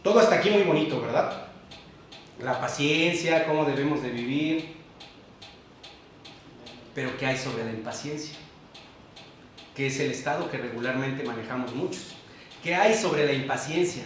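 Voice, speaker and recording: A male pastor preaching a sermon, emphatic, with sudden drops to a low hush. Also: normal speed, long pauses, slight background noise. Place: church sanctuary. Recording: very echoey church hall, mic far off.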